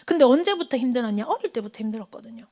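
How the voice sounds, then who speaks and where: Youth pastor, female, bright high voice, question-and-answer sermon with sudden whispers. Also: expressive, rapid-fire. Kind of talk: sermon to teenagers. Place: church hall.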